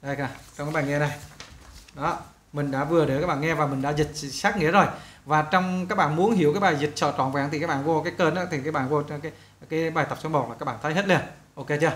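Man teaching English, patient, step-by-step explanations, says each word slowly and repeats it. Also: on the high side, fairly even intonation, a bit bright. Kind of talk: video lesson for students.

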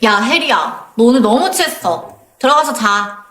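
A young woman acting an exasperated but loyal friend in an audio drama, with a nagging, expressive delivery. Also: on the high side, normal speed, reverberant, faint music behind. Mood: exasperated, fussing. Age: young adult.

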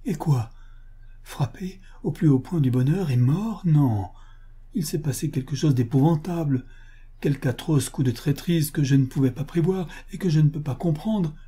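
A man's voice: fairly high pitch, normal speed, warm tone, breathy edge. A man voicing a grief-stricken young woman in an audiobook, speaking in a trembling, pleading way. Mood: anguished. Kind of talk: audiobook character reading.

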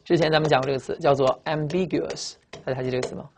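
A male teacher lecturing in a classroom. He spells words out slowly, repeats them, and tags his phrases with "啊". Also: a little high, slight background noise. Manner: lively, drawn-out spelling and repetition, frequent "啊" tags. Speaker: English vocabulary teacher. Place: classroom with blackboard.

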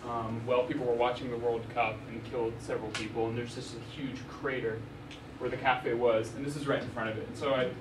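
A young man from Arizona, USA talks fast with hardly any pauses, in a medium pitch that barely shifts. The journalist's slide lecture in an indoor university lecture hall is casual, with many ums and restarts. A distant room mic leaves it echoey and noisy.

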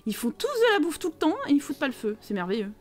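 A woman's voice: high voice, big pitch swings, fast. A young French woman chatting casually with her live chat while playing a life-simulation game, rambling with many fillers. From France. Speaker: streamer.

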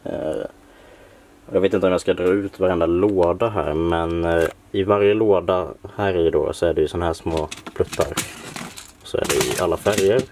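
Low male voice, unhurried, hobbyist showing his collection; noisy home-recorded sound. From Sweden. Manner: relaxed, listing parts with many fillers. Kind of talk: casual room-tour narration. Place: home workshop room, dim lighting.

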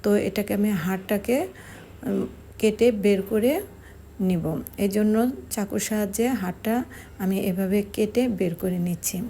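A woman, slowly explaining a home cooking recipe step by step as a channel host. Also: medium pitch, vocal fry, mellow, slight background noise. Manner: slow, step-by-step explaining with fillers. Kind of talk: home cooking tutorial narration.

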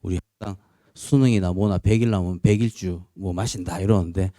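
A man's voice: sits low, fairly quick, no echo, studio quality. A man in his forties giving a chatty classroom lecture to exam students, acting out other people's lines as he goes. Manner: chatty and animated, acts out students' and family's lines. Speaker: police promotion exam instructor. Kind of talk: classroom lecture, pep talk. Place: lecture room.

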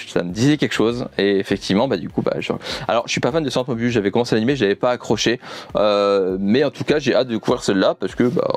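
There's slight background noise behind this young man's mid-range voice as he casually vlogs a manga unboxing, enthusiastic and prone to repeating himself. He's in an indoor room with manga on the shelves.

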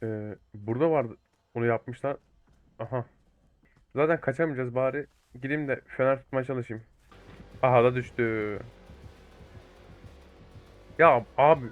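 A young man giving excitable live commentary over a multiplayer game, swearing and talking to teammates and viewers. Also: medium pitch, a little slow, long pauses, no echo, phone-quality sound. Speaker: gaming YouTuber.

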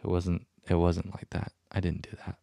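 A man's voice: low voice, completely flat delivery, normal speed, creaky, mellow, no room sound, studio quality. A young man hosting his own podcast, rambling and self-deprecating in a casual solo chat. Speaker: podcast host. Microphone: studio mic with headphones.

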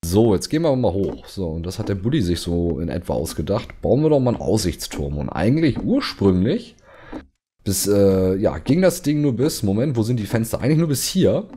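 A man's voice: fairly low pitch, mellow, husky. A man giving casual gameplay commentary, chatty and explaining step by step as he shows off a build. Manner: chatty, many fillers and restarts, explains step by step. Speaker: gamer showing a game build.

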